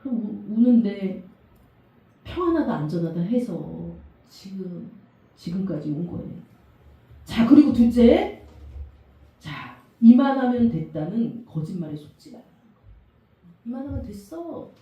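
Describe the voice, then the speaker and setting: Animated woman pastor preaching, echoey room. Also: mid-range voice, unhurried, pauses often, recorded from a distance, dull audio. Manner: animated, emphatic, rhetorical questions to the congregation. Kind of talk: sermon.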